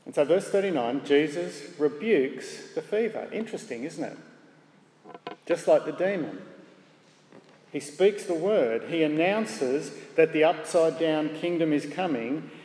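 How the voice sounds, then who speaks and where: A man's voice: fairly high pitch, expressive, a little mellow. Male preacher in an echoey hall. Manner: measured, rhetorical questions to the congregation. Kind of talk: sermon. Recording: echoey hall with faint ambience.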